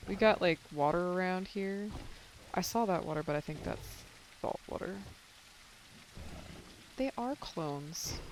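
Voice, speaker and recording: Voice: medium pitch, animated, a little slow, pauses often, slight background noise, poor audio. A young adult game streamer chatting casually with viewers while playing, rambling and swearing a little, and losing their voice. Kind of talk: casual live-stream chat while gaming.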